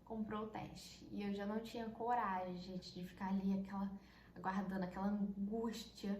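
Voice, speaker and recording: A woman's voice: mid-range voice, little pitch movement, moderate pace, darkish tone. A young woman from Brazil earnestly telling a personal story to camera, often tagging sentences with little questions. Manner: earnest, heartfelt, many tag questions. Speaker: vlogger. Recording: echoey room, faint noise.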